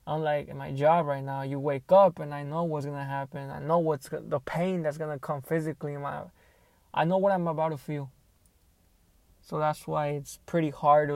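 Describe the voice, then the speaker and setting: A young man records a casual solo podcast on an earbuds mic in his car. His voice sits a little high and often crackles with vocal fry. The sound is close and dry as he hesitates and thinks out loud. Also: no room sound. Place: inside a car.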